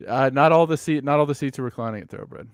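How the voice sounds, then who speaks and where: A man's voice: mid-range voice, fast, clean tone. A man in his thirties in casual, profane chat, telling joking stories about going out with friends. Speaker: streamer.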